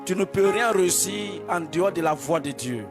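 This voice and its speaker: A man's voice: high voice, animated, normal speed. A man leading worship as pastor, preaching fervently and slipping into chanted praise. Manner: exhorting, declamatory, slips into chanting. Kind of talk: fervent sermon with sung praise. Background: loud church music.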